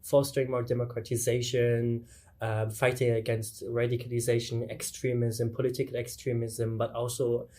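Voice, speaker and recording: A man's voice: medium pitch, flat delivery, moderate pace, a little mellow. Young man. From Germany. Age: young adult. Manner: earnest, searching for words, restarts. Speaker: student guest. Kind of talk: casual interview answers.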